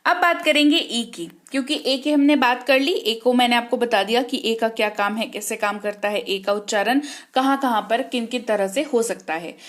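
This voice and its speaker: A woman teaching an English lesson, spelling words letter by letter, then quizzing the listener with quick questions and repeating each answer. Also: on the high side. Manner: repeats key points with rising question prompts. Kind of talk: online English lesson in Hindi.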